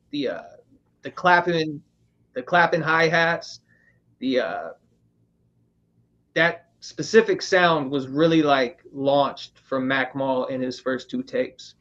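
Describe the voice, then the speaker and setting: A man's voice: mid-range voice, fairly bright tone, lo-fi sound. A man hosting a casual roundtable podcast, talking loosely with lots of fillers, from Northern California. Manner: loose, rambling, filler-heavy. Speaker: podcast host.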